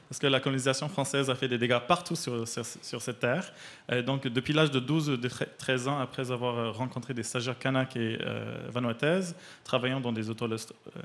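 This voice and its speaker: Reading partly from a prepared arts column, a man with a medium-pitched, slightly bright voice delivers reviews and explanations in the way of a cultural radio segment.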